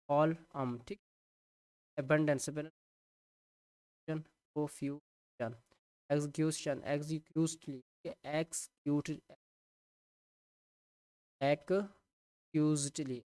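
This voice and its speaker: A man with a Pakistani accent explaining an English textbook exercise, reading English lines and glossing them slowly with many fillers. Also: a little high, darkish tone, smooth, dry recording, studio quality. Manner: mixes English with Urdu explanation, spells out words. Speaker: English teacher.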